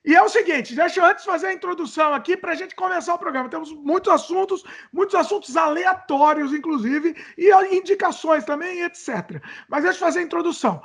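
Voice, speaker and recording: Very high-pitched Brazilian man hosting. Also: fast talker, few pauses. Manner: playful, jokey, self-mocking; energetic. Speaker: podcast host. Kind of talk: casual podcast chat.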